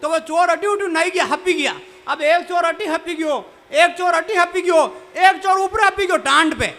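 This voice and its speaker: A man's voice: very high-pitched, normal speed. A man with a Mewari accent telling comic stories and reciting verse at a live poetry gathering. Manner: lively storytelling, chuckling. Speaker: stand-up comic poet.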